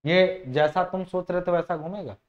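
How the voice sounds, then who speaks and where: At a moderate pace and with a high-sitting voice, a man gives a conversational engineering lecture. He tends to repeat phrases, poses questions to the class, and slips in English technical vocabulary, though the recording is dull and lo-fi.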